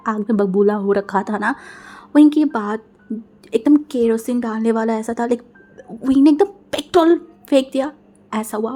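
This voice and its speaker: A woman's voice: fairly high pitch, dark tone. Chatty woman narrating a fan-fiction story. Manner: chatty, with frequent English filler words.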